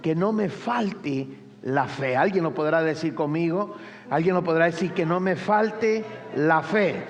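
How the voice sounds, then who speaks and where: A man's voice: on the high side, a little slow. A man preaching a sermon as pastor, building up through repeated refrains and asking the congregation to answer back. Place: church sanctuary. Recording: long reverb of a church hall.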